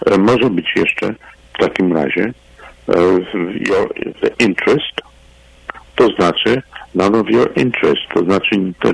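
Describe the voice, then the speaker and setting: A man with a very deep, gravelly voice talks on a radio programme, chatty and anecdotal, often breaking into laughter. His tone is husky, and the studio sound is dry and close. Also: dry recording, low-quality recording. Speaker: radio guest, English teacher. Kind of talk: radio chat. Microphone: studio microphone.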